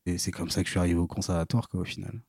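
Low-voiced young man, halting fillers. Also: little pitch movement, vocal fry, a little mellow, slightly rough, no room sound, studio quality. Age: 20s. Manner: hesitant, full of fillers and restarts. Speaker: podcast guest. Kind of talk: casual interview storytelling.

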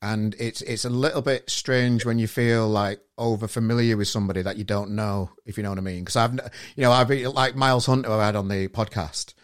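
Man, lowish voice, rapid rambling delivery, casual podcast host. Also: steady tone. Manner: rambling, stumbling over his questions. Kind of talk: casual interview chat.

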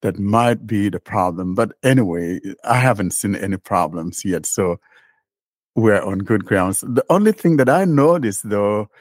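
A man hosting a casual tech podcast, talking in a relaxed, rambling way with dry, sarcastic humor. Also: on the low side, measured pace, no echo. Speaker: podcast host.

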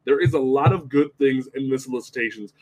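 A man's voice: mid-range voice, brisk, darkish tone. A man co-hosting a casual podcast chat, rambling with many fillers and restarts. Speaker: podcast co-host.

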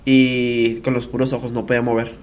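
A young man with a Mexican accent, co-hosting a casual podcast chat and telling a story in halting, rambling bursts. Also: mid-range voice, completely flat delivery, darkish tone. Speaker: podcast co-host. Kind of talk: casual chat among friends.

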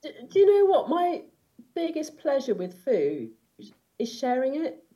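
A woman's voice: high-pitched, huge pitch swings, measured pace, warm tone, rough recording. A woman chatting as a podcast guest, enthusiastic and giggly, rambling with many restarts. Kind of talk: casual interview chat.

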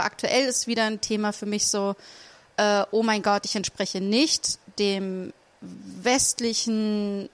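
A woman in a casual podcast discussion, thinking aloud with many fillers and restarts. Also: mid-range voice.

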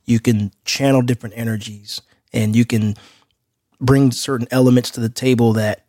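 A man's voice: mid-range voice, darkish tone, dry recording, clean studio sound. A man co-hosting a podcast in casual chat, talking in loose street slang with an outgoing manner. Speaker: podcast co-host.

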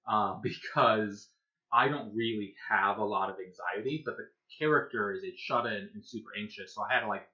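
A man's voice: on the low side, sharp tone, highs cut off. A man who hosts and voices a podcast, answering questions in a rambling, filler-heavy casual way. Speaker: podcast creator and voice actor. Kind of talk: casual panel chat.

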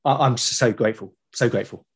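This British podcast guest talks fast, with a slightly rough, medium-pitched voice and fairly even intonation. The interview is casual and conversational, and he comes across as keen but unsure, often circling back over the same words.

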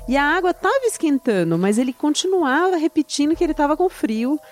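Animated woman telling a story. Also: sits high, a little fast, soft background music. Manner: animated, laughs often, acts out quotes. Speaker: storyteller guest. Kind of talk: casual storytelling chat.

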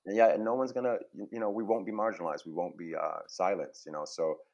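A very low-voiced man talks earnestly as an interview guest. His sound is a little dull and muffled, as over a remote call. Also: little pitch movement, fast, creaky, a little mellow. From New York, USA. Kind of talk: casual interview chat.

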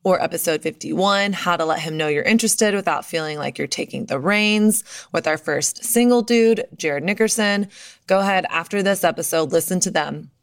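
A woman's voice: fairly low pitch, moderate pace. A woman hosting a podcast in a chatty, emphatic, confiding way, talking straight to listeners with a towel over her head and microphone. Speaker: podcast host. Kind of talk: upbeat scripted podcast introduction with casual asides, addressed to listeners. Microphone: computer and microphone under a towel draped over her head in an office.

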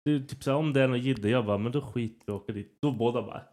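A man's voice: mid-range voice, darkish tone. A man chatting casually as a podcast co-host, talking bluntly and crudely in short replies. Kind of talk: casual chat.

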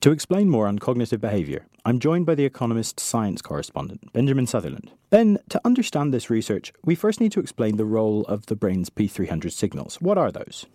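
A man hosting a science show in a bright, curious manner, with scripted introductions and interview questions. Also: medium pitch, huge pitch swings, a little fast, few pauses, no echo, studio quality. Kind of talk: scripted podcast presenting and interviewing.

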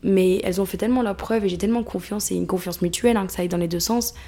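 A woman's voice: mid-range voice, fairly even intonation, rapid-fire, warm tone. A woman in her twenties hosting a podcast from her apartment, chatting casually and reflectively, slipping between French and English. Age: 20s. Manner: switching between French and English mid-sentence; reflective, confiding. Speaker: podcast host. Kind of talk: casual chat.

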